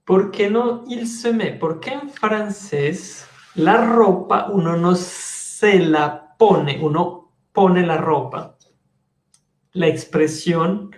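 A man with a Colombian accent teaches an online French class, drawing out each vowel slowly so his students can copy it. His voice sits a little high and his pace is unhurried. The room around his computer mic has a noticeable echo. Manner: explains patiently, models French sounds slowly.

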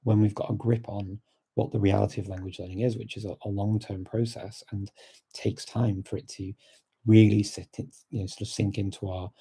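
A middle-aged Dutch man with a gravelly, dark voice hosts a language learning channel, answering viewer questions in a casual live webcam chat. He speaks fairly quickly with a fairly low pitch and flat delivery, thoughtful but full of ums and repeated words. The webcam sits at his desk, framing him closely in a small indoor room with a plain wall.

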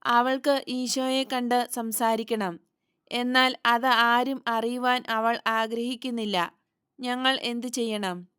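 A worried fisherman disciple asks for advice in a quiet, hesitant voice, as a woman reader plays him. The delivery is slow and clear, recorded close and dry. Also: a little high, fairly even intonation, no echo. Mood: concerned.

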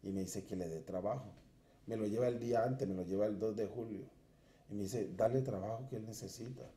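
Dark-voiced man telling his testimony. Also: on the low side, a little fast, roomy sound. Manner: earnest storytelling, acts out his past self. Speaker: guest sharing his conversion testimony. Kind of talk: personal testimony in a church interview. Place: church.

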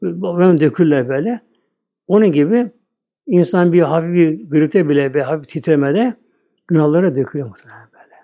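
An older male preacher talks through a religious lesson in a loose, conversational way, circling back over the same phrases. His voice sits a little high and sounds soft and mellow. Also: brisk. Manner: plain conversational preaching, repeats "böyle". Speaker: Islamic preacher. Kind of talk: religious sermon talk.

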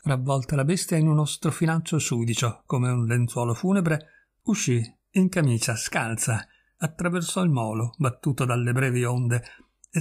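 Husky man reading a story aloud. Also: medium pitch. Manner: measured, expressive storytelling. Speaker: audiobook reader.

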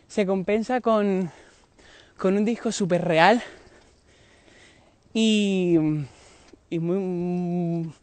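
A man from Tenerife in the Canary Islands, a singer, hosts a live stream outdoors near a road while moving about. He chats casually, confiding in his viewers and laughing often. His voice sits high and a little mellow, with no room sound.

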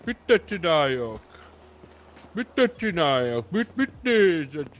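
A man's voice: a little high, big pitch swings. A man playing a jittery young man in a video game role-play, stammering and repeating himself. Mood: paranoid, aggressive. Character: jittery young man, paranoid and aggressive when high.

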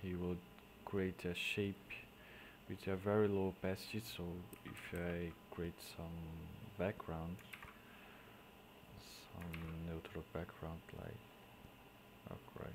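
In a screen-recorded painting tutorial, a native Portuguese speaker with a Portuguese accent explains digital painting step by step in halting English. His low voice is monotone, there's background noise, and he often trails off into quiet mutters while he works.

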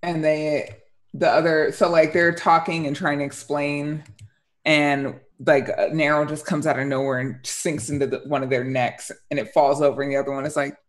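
A young woman narrating an improvised tabletop game as dungeon master, conversational and halting, on a headset call. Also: low voice, little pitch movement. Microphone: headset on a video call.

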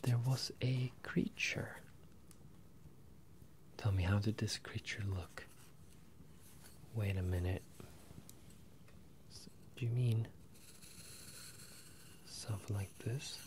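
A man in his twenties whispers and murmurs softly and breathily into close stereo microphones that capture him ear to ear. He plays a bemused, apologetic wizard professor talking to a student in a halting, hesitant ASMR roleplay. Background noise can be heard.

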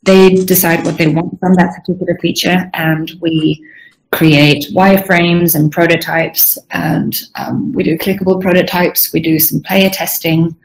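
A young woman from Sweden, a UI designer answering questions on a video call, chatty and rambling, often clearing her throat. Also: on the low side, little pitch movement, unhurried, poor audio. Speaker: guest UI designer. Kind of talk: casual online Q&A.

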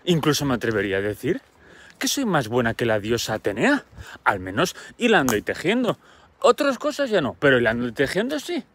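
A man's voice: wildly swooping pitch, fairly quick. A man from voicing a proud, cheeky young female weaver in a comic retelling of a myth. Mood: boastful. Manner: high, bright girlish voice, brash and flippant. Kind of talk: comic storytelling.

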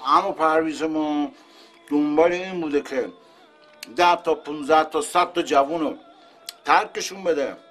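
A man's voice: a little high, fairly bright tone, soft background music. An actor playing a middle-aged man who persuasively explains a plan to open a rehab camp.

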